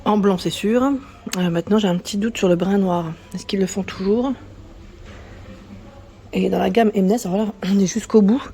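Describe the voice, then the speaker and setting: A woman's voice: medium pitch, fairly even intonation, normal speed, pauses often, dark tone. A woman vlogging as she walks through a large furniture store, chatting casually and reading out prices and sizes with lots of tag-on fillers. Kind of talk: casual walkthrough chat.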